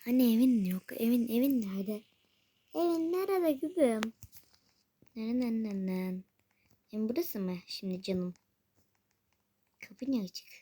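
Soft-whispering woman chatting through a game. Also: a little high, lively intonation, measured pace, pauses often. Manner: talks to herself, often drops to a whisper. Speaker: gaming video creator. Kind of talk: casual gameplay commentary.

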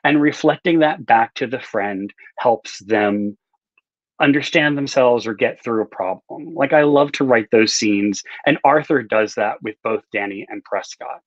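A middle-aged man, a novelist and interview guest, tells personal stories in a relaxed, conversational way over a video call, often restarting what he's saying. His voice is mid-range and unhurried. He's in a home room with bookshelves, with earbuds but no visible microphone, and the webcam audio is dry and slightly dull.

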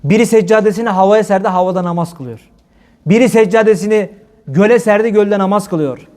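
A male preacher from Turkey with a high voice addresses his congregation in a mosque hall. He swings between fervent, raised exhortation and quiet, earnest asides. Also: fairly quick. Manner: fervent, shifts between loud exhortation and low earnest tones. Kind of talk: religious talk to a congregation.

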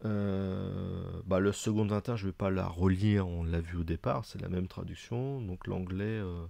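Deep, gravelly man explaining haltingly. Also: warm tone, dry recording. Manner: hesitant, many fillers, chatty asides. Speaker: video presenter reviewing books. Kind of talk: casual explanatory review.

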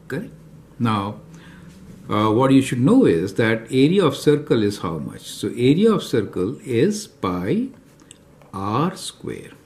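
A man teaching a recorded math lesson, working through problems step by step and often checking in with "right?" and "is that clear to you?". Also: medium pitch, darkish tone. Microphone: off-camera voice over handwritten notes.

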